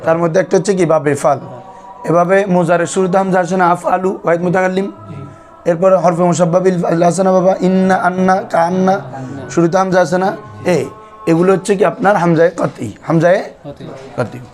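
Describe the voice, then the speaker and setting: A man's voice: high-pitched, steady tone, quick pace, a little mellow, soft background music. A man teaches a grammar class. He drills his students, repeating key terms and asking them back for answers. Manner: quizzes students with repeated questions. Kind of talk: classroom lesson.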